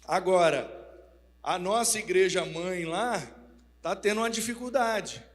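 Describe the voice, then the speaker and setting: A man's voice: high voice, a little slow. A man preacher voicing a male church worker reporting troubling news, concerned and confiding. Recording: reverberant church hall.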